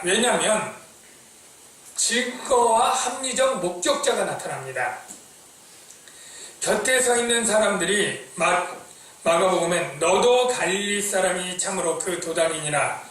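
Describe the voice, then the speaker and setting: A man's voice: sits high, a bit bright. A man who is a pastor preaching a sermon, explaining scripture step by step and asking his congregation questions. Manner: explains and quotes scripture in old-fashioned phrasing, asks the congregation questions. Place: church sanctuary. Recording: echoey church sanctuary from far off.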